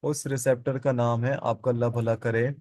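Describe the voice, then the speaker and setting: A man's voice: medium pitch, level tone, moderate pace, darkish tone, dry recording. Man lecturing biology to a class. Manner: asks the class questions and answers them himself, repeats key terms. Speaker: biology teacher.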